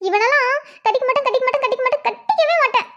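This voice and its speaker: A woman's voice: very high-pitched, racing, fairly bright tone, highs cut off. A woman voicing a fretful young woman who talks to herself in a cartoon. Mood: angry.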